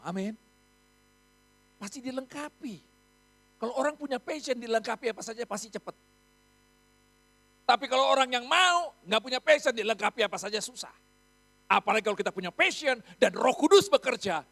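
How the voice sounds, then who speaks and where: A man from Indonesia preaching a sermon in a church, quizzing the congregation and swelling to loud emphatic peaks. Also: high voice, gravelly. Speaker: pastor. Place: church hall.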